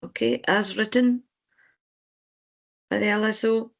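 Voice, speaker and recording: Convener with a gravelly voice. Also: medium pitch, fairly even intonation, fairly bright tone. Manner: procedural, measured, polite. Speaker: licensing board convener. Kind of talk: formal meeting chairing.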